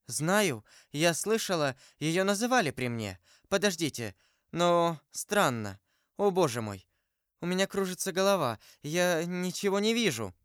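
Man reading as a frail young woman in a storybook, high and trembling, pleading in a smooth, clear voice. The voice is dry and close. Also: big pitch swings, unhurried, fairly bright tone, dry recording, full character voice. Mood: faint. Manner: pleading, emotional.

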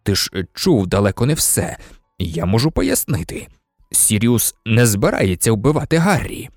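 A man reading aloud, voicing a calm, weary male teacher who speaks quietly and steadily. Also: mid-range voice, moderate pace, no room sound, studio quality, faint music behind. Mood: pleading.

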